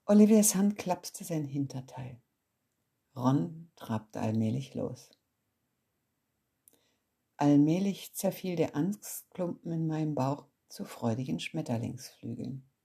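Woman, storyteller, children's story read aloud, low pitch, dark mellow tone. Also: gravelly, husky. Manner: calm, measured storybook reading.

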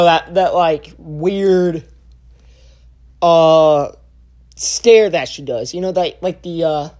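A young man giving a casual spoken review, halting and full of filler sounds and restarts. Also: a little high, darkish tone. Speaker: wrestling show reviewer.

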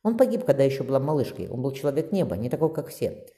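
A man lifting his voice into a soft-spoken young girl, tender and wistful, her phrases rising and falling in a lively sing-song. The sound carries a long echoing reverb, and the tone stays mellow. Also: medium pitch, quick pace, natural voice. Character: gentle young girl who talks to birds.

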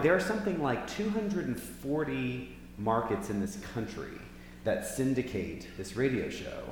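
Low-voiced man in a big echoing hall. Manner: conversational, with questions to the listeners. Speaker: preacher leading a church Bible class. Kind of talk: informal talk to a church group. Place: large echoey church room or hall. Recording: big hall echo, long reverb, faint hum.

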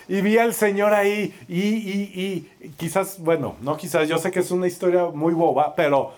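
A man with a Mexican accent preaching through a lively, self-mocking story, acting out the voices of the people in it. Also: sits high. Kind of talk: storytelling sermon.

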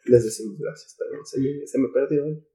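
In an echoey room, a man with a Mexican accent banters brisk and warm-toned on his casual comedy podcast. His mid-range voice delivers slangy, profane, irreverent laddish humor as host.

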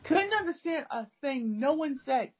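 This English teacher from the US talks at a moderate pace in a high voice with lively intonation. Her casual chat wanders, with many fillers and restarts, and the recording is dull and lo-fi.

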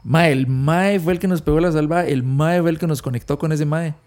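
Costa Rican guy, a bit high-voiced, slangy storyteller among friends. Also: fairly quick, a little mellow. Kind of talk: casual chat.

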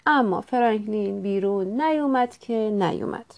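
A woman reading a children's storybook aloud with gentle, expressive narration. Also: medium pitch.

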